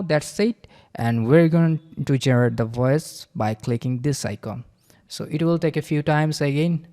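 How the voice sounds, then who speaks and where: A man giving a casual screen-recording tutorial, halting with many fillers and repeated okays. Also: medium pitch, vocal fry, dark tone. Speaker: software reviewer.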